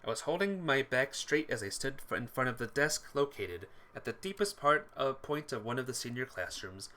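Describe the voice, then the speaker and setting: Against background music, a man with a mid-range voice reads a visual novel aloud at normal speed as a playthrough host. His narration is expressive and theatrical.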